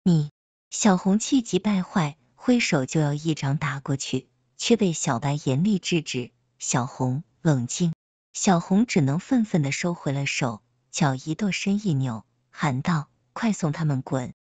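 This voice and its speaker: A woman storyteller reading a scripted story aloud in a steady, even way. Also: low voice, normal speed, few pauses, dry recording.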